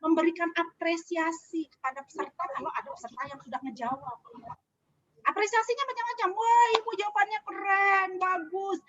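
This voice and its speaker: A woman's voice: high-pitched, bright, forceful tone, no room sound. A woman trainer giving chatty feedback to a class over a video call, often asking them questions. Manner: chatty, asks the class questions, laughs easily. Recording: dull lo-fi video call audio.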